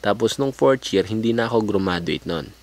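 A man's voice: on the low side, expressive, moderate pace, darkish tone. A young man from the Philippines telling his life story over drawings in a crude, joking way, swearing a lot and slipping into English slang. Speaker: vlogger.

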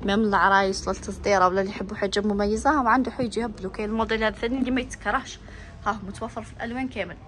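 A woman with an Algerian Arabic accent films on her handheld phone inside a bag shop, rattling off prices at great speed and raving about the bags in a shopping vlog that showcases products. Her medium-pitched voice is fairly bright and fairly even in intonation, with a little hiss or hum in the background.

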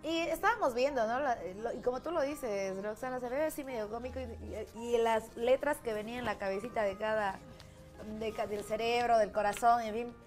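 A woman's voice: on the high side, brisk, faint music behind. A woman talking casually as a guest on a television studio chat show.

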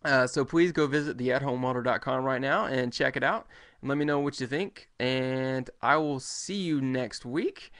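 A man's voice: mid-range voice, moderate pace, fairly bright tone. Casual man hosting a welding livestream. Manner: loose and conversational, many fillers and restarts. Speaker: welding show host. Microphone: webcam at desk.

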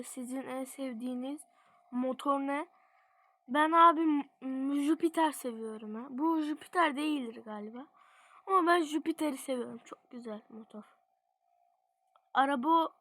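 A young person commenting casually on a driving game, chatty and excitable, cheering and counting along. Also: female voice, sits high. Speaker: gaming channel host.

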